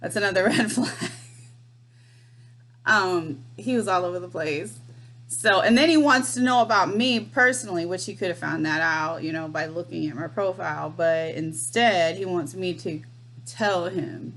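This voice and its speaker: A woman's voice: fairly low pitch, normal speed, fairly bright tone. A woman telling a story in a casual chat, wry and amused, laughing often as she talks. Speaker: storyteller vlogger.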